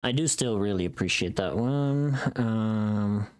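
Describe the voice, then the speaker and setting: Her voice is extremely low, dark, clear and resonant, moving at a slow pace. She's a streamer recording voice pack lines, chatting casually and muttering her thoughts aloud as she works on the livestream.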